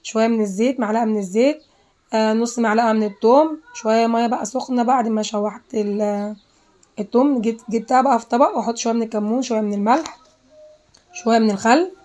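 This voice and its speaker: A woman's voice: fairly high pitch, fast, a little mellow. A woman with an Egyptian Arabic accent hosting a home cooking tutorial, chatty and repeating herself as she talks straight to viewers. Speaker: cooking channel host.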